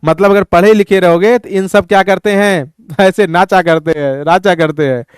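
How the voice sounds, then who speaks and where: A male teacher chats through a lesson, joking and teasing his students. His voice is high and clear. The sound is dry and close. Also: fairly even intonation, normal speed, no room sound. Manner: playful, teasing, asks students questions. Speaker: Hindi teacher. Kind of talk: casual lesson explanation.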